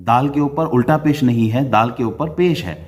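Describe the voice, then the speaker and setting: A man teaches prayer recitation in a middle-pitched voice. He rattles off corrections, sets the wrong and right pronunciations side by side, and drops in English teaching terms. Then he slows into a melodic chant for each verse. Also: a little mellow. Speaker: Islamic teacher.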